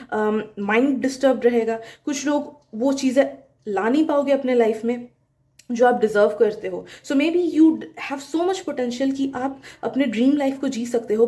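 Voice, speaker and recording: Mellow-voiced woman giving tarot advice. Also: sits high. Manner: coaching, mixes Hindi and English, frequent "okay?" check-ins. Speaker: tarot reader. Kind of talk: weekly tarot guidance to viewers.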